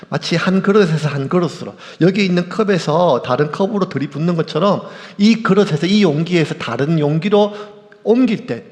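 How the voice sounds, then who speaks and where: Gravelly-voiced male pastor in a big hall. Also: on the high side. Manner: animated, acts out quoted voices. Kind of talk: sermon. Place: church sanctuary. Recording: echoey church hall.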